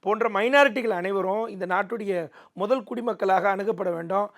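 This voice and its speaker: A man speaks in a distinctly high register with a lot of gravelly creak. He argues politics as an interview guest in an emphatic, oratorical way. He often repeats a phrase to drive the point in. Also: brisk, fairly bright tone. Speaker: political commentator, debate guest.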